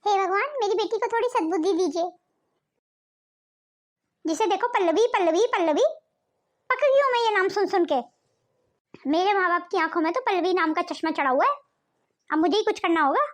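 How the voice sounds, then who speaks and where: A woman voicing a resentful, scheming grown daughter in a family cartoon, in a high, bitter voice. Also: animated, normal speed, long pauses.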